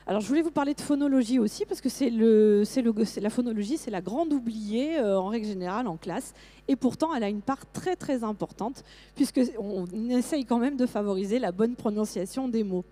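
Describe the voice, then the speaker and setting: Middle-aged woman, lively conference speaker, rather high and mellow voice, talks to teachers. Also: a little fast. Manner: lively, many fillers and restarts. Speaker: teacher trainer presenting to teachers. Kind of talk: conference talk.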